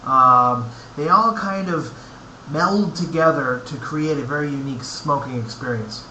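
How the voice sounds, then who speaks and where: A man's voice: fairly high pitch, sharp tone. Hesitant man reviewing in an echoey, noisy room. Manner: halting, thoughtful, pausing between short phrases. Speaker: pipe tobacco reviewer. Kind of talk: casual, unscripted product review to camera. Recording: echoey room, clear background noise.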